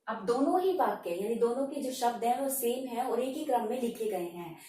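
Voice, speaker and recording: A woman's voice: on the high side, animated, mellow. A woman teaching a Hindi grammar lesson, explaining patiently, repeating each point and calling her students "beta". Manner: says example words slowly, one at a time. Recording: echoey room, voice from far off.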